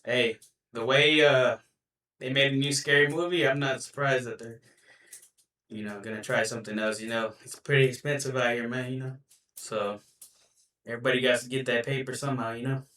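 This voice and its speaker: A man's voice: mid-range voice, steady tone, fairly quick, bright, forceful tone, distant mic, slight background noise. Laid-back man podcasting in a roomy space. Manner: laid-back, rambling, lots of "you know". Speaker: podcast co-host. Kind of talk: casual chat. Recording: roomy, a bit off-mic.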